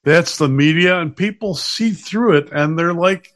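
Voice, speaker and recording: A man's voice: on the high side, a little slow, fairly bright tone. A man from Chicago hosting a podcast, reading sponsor spots and sounding off in a sarcastic, combative way. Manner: sarcastic, combative, slips into mocking voices. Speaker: podcast host. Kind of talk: opinionated podcast monologue with sponsor reads.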